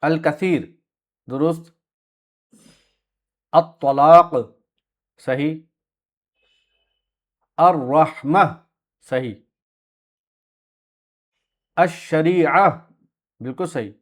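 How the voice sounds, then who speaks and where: A man's voice: a little high, extremely slow, pauses often. A man teaching Quranic Arabic words to a class, patiently correcting pronunciation and confirming answers. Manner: clears throat often, soft short confirmations. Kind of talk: classroom lesson with students.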